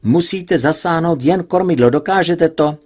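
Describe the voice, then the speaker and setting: A man's voice: a little high, a little mellow, pitched above the performer's own voice, natural voice. A man doing Max Lien, an icy villain boss. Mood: commanding. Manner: commanding, icy. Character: cold, furious male villain boss.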